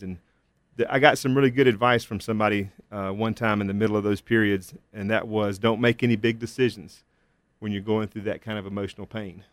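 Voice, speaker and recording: A man as an interview guest and father, telling his story in a measured, candid way with hesitant fillers. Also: fairly low pitch, no room sound. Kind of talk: reflective personal testimony.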